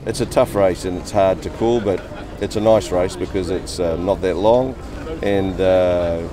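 Man, very low voice, relaxed interview, loud crowd behind. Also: measured pace. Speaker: interviewed sailor. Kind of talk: casual interview answer.

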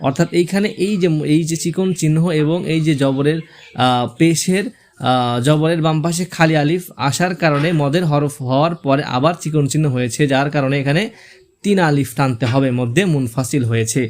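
Male tutor, higher than usual pitch, spells letters and marks one by one, slow recited words. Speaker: Quran reading teacher. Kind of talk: step-by-step recitation lesson.

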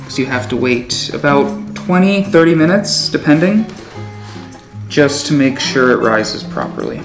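A young man casually talking through a cooking demo in a home kitchen, relaxed and laughing often. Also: a little high, a little slow. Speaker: home cook host. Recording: roomy kitchen with background music.

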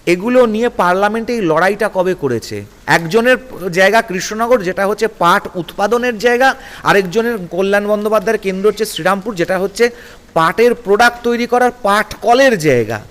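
Combative high-voiced man, reverberant sound. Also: lively intonation, a little fast, a bit bright. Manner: combative, rhetorical, lists grievances in bursts. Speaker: political guest. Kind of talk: heated political interview.

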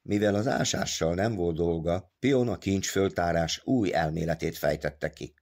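A man narrating an audiobook in a measured storytelling manner. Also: deep voice, darkish tone. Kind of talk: scripted narration.

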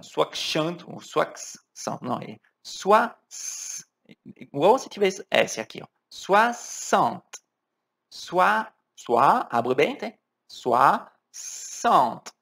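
A man's voice: a little high, vocal fry, fairly bright tone. A man from France with a French accent, teaching a language lesson and drawing out each word in careful pronunciation drills, often checking in with his students. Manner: slow, drawn-out pronunciation drills, checking in with frequent "tá?".

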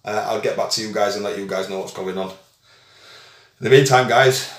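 A man's voice: fairly low pitch, normal speed, roomy sound. A young man talking informally and hesitantly, often repeating phrases and calling people mate. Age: young adult. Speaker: vlogger on a phone call with police. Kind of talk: conversational phone call, informal. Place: small indoor room at home.

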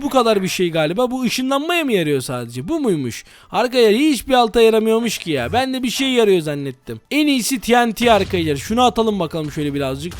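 A man doing excited gameplay commentary as a gaming YouTuber, exclaiming and talking straight to viewers. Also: high-pitched.

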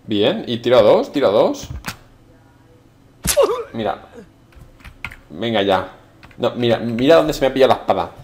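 An excitable man from talks through his own gameplay, throwing out quick exclamations. His pitch swings widely and brightly. Steady background noise and keyboard clicks sit under the voice. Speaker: gameplay commentator. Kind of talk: let's play commentary.

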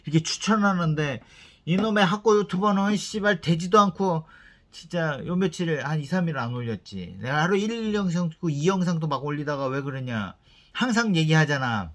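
A man's voice: fairly high pitch, animated, moderate pace, fairly bright tone. A middle-aged man giving blunt career advice to developers in a rambling, profane, scolding way. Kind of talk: blunt casual advice monologue.

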